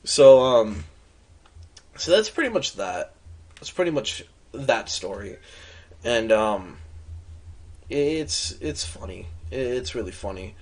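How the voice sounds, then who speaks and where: A tired young man chatting casually on a late-night stream. He rambles loosely, swears freely and restarts his sentences. His voice sits at an ordinary male pitch. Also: big pitch swings, takes it slowly, long pauses, darkish tone.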